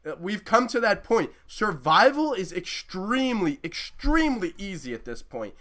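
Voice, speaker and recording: A man's voice: high-pitched, sing-song, normal speed, fairly bright tone. Fired-up eighteen-year-old guy ranting. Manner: swears a lot, talks in long passionate run-on points. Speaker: podcast co-host. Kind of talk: casual podcast rant.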